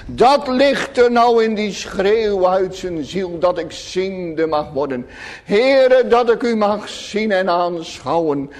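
A man preaching a sermon to his congregation, solemn and emphatic, often dropping to hushed tones. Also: high voice, takes it slowly. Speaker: pastor. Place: church. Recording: long church reverb.

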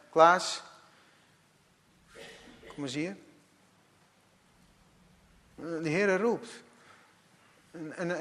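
Pastor preaching slow, high voice that jumps all over, big church echo. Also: male voice. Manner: emphatic, repeats words, swings between loud calls and quiet asides. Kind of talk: sermon. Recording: church hall reverb.

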